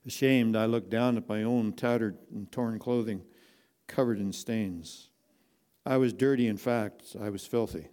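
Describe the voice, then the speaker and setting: A man narrating a first-person inspirational story slowly and earnestly, with dramatic pauses. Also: lowish voice, mellow.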